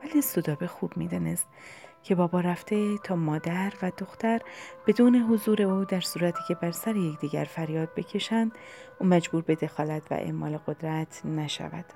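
A woman narrates an audiobook in a low, dark, mellow voice with a gravelly edge. Her reading is slow and deliberate. Faint music plays softly beneath her. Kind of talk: scripted narration.

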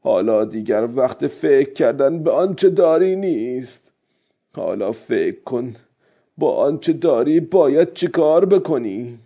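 A man's voice: medium pitch, animated, breathy edge, pitched above the performer's own voice. A man voicing a weary old fisherman who talks to himself in a raised, strained, plaintive voice. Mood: self-chiding. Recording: dull lo-fi recording.

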